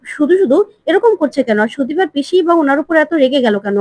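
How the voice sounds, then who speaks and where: A woman's voice: sits high, lively intonation, fast, a little mellow, dry recording. A woman voicing an earnest, puzzled young husband. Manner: puzzled questioning.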